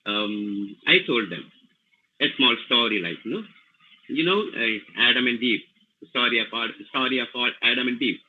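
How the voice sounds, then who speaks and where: A man with a Tamil Nadu Indian English accent giving an online lecture as a language trainer, halting and full of fillers and "you know" tags. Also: mid-range voice. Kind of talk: webinar lecture. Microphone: video call. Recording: tinny phone-like call audio.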